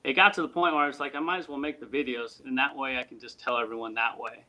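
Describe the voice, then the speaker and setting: A man talking as a guest in a casual interview, earnest and animated, with sports analogies. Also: medium pitch, fast talker, lo-fi sound.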